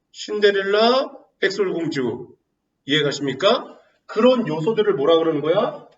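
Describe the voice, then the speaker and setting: A man teaching literature in a lively lecture, firing rhetorical questions and teasing his students. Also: sits high, roomy sound, distant mic, muffled recording. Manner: asks rhetorical questions and answers himself, teasing. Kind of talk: animated classroom lecture.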